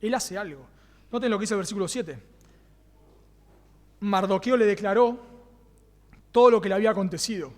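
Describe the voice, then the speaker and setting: A man's voice: sits high, in a large hall. A man with a Rioplatense Spanish accent preaching a sermon as pastor, earnest, repeating key phrases and asking the congregation rhetorical questions. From Argentina. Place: church.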